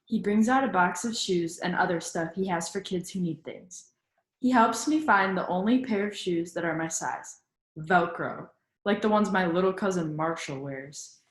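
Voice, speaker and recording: A mid-range female voice, heard with reverb, reads a children's picture book aloud as a teacher might, prompting the young audience with questions so they think along.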